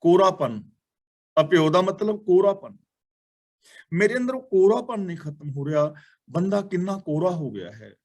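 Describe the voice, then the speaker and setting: A man teaching scripture in a fairly high voice. He reads each verse slowly with care, then explains its meaning earnestly and repeats the key words. His delivery is that of a class lesson. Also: lively intonation, a little mellow.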